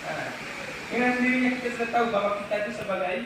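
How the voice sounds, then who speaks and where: A man's voice: sits high, racing. A man teaching a class of pupils, asking questions and repeating himself with many restarts and "ya" tags. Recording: echoey, from far off, noisy.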